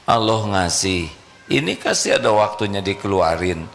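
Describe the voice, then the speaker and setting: A man's voice: fairly low pitch, animated, normal speed, vocal fry, a bit bright, a little hiss or hum. A man preaching a live sermon, joking and quizzing the congregation with questions. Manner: humorous, quizzes the audience. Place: live religious gathering.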